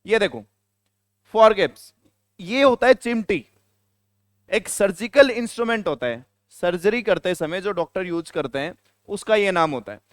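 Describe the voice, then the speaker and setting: A man teaches a classroom lesson in a high, crisp voice. He keeps quizzing his students and repeating the answers. The sound is close and dry, with no room echo. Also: animated, unhurried, long pauses. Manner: questions the students and answers himself, repeating key words. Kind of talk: classroom lecture.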